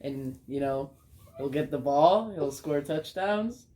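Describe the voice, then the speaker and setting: A man's voice: on the high side, animated, takes it slowly, warm tone, a little hiss or hum. A man casually ranking football players with friends, teasing and using lots of fillers. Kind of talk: casual chat.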